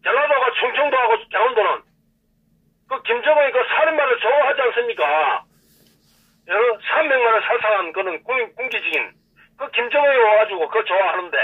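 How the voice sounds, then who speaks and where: Man, Gyeongsang dialect, high husky voice, heated repetitive rant, tinny distant phone line. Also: expressive, fairly quick. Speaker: caller. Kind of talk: call-in rant. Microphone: telephone.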